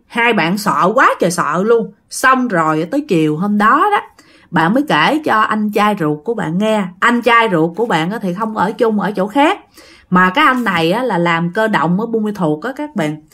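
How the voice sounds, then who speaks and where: A woman's voice: mid-range voice, animated, moderate pace, a bit bright. A woman with a Southern Vietnamese accent telling a spooky story in a chatty, casual way, talking straight to her listeners. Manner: chatty, addresses listeners directly. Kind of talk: casual ghost story narration.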